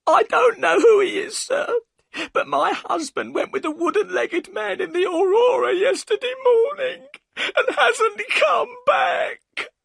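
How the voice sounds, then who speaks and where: A man voicing a worried, tearful boatman's wife in a high, pleading voice. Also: slow, gravelly, fairly bright tone, dry recording, full character voice. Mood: crying.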